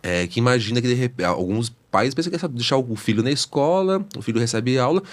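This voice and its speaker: A man's voice: medium pitch, expressive, fairly quick. A Brazilian man hosting an interview, talking hesitantly and adding tag questions after almost every phrase. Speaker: host and teacher.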